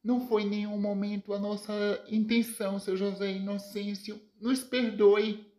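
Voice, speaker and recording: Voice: medium pitch, level tone, normal speed, darkish tone, voice pushed up, natural voice. A narrator voicing a woman who apologizes and begs forgiveness. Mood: imploring. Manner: apologetic, imploring. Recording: roomy echo.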